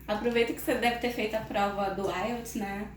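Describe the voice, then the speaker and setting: A woman co-host relaying viewer comments and questions briskly on a casual live stream. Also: mid-range voice, fairly even intonation. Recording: roomy, noisy background.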